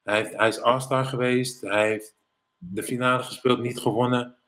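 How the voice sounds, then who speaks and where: A middle-aged man from the Netherlands, a former professional basketball player, telling animated anecdotes as an interview guest. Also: medium pitch, normal speed. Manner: animated anecdotes, mimics others in English quotes. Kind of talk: casual storytelling interview.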